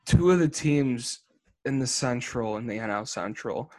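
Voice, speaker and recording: A man of twenty, co-hosting a casual sports podcast, teasing and animated, stammering as he tries to cut in. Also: mid-range voice, unhurried. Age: 20s. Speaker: podcast co-host.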